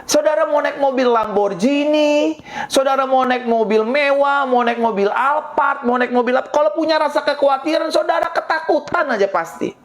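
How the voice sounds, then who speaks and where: A woman's voice: high-pitched, normal speed. A middle-aged woman pastor preaching a sermon, repeating phrases and addressing the congregation directly.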